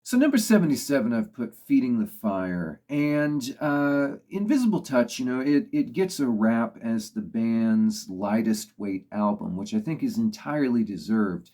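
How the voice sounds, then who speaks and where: A man's voice: mid-range voice, sing-song, a little slow, hardly any pauses, mellow. A man talking through his opinions on songs in a thoughtful, casual way, leaning on "you know" as he goes. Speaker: music reviewer. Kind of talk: casual spoken commentary.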